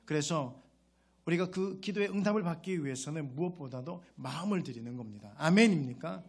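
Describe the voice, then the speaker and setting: A man's voice: high voice, creaky, husky. A male pastor preaching a sermon in a conversational way, often putting rhetorical questions to his congregation and acting out a child's grateful words.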